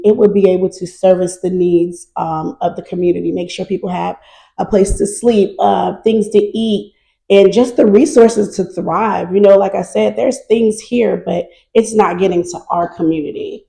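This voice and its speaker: A middle-aged woman from North Carolina, chatting lively and easily as an interview guest. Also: mid-range voice, moderate pace, creaky, rough recording. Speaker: guest, nonprofit founder. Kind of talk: casual interview chat.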